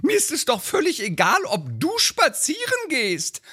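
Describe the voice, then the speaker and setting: A man playing a fussy, nagging middle-aged wife in a recited comedy sketch, with a shrill, reproachful voice. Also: huge pitch swings, normal speed, pushed and bright, full character voice.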